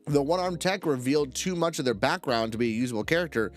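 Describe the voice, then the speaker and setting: A man's voice: mid-range voice, quick pace. A man reads role-playing stories aloud on a stream, his voice swinging widely up and down as he breaks into heated, profane tangents. He trips over words and backs up to correct himself. Faint music plays underneath. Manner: animated, swears, goes off on rants and tangents; stumbles and corrects himself while reading. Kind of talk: reading stories aloud with commentary.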